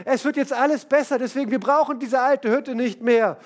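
A man voicing an overexcited husband who gushes loudly about his good news. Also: extremely high pitch, a little fast, pitched above the performer's own voice. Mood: excited. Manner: gushing, loud, excited.

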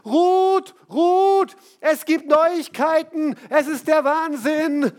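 A man voicing an overexcited husband who gushes loudly about his good news. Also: very high-pitched, moderate pace, pitched above the performer's own voice. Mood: excited. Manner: gushing, loud, excited.

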